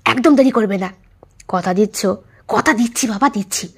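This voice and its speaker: A woman voicing a gentle older man in an audio story, a father speaking tenderly to his wife. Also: medium pitch, brisk, creaky, breathy edge, voice pushed down.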